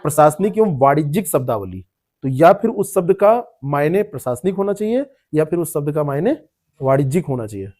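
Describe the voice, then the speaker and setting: A man's voice: on the high side, sing-song, fairly quick, a little mellow. A man teaching a classroom lecture, explaining word meanings, repeating terms and quizzing students by name. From India.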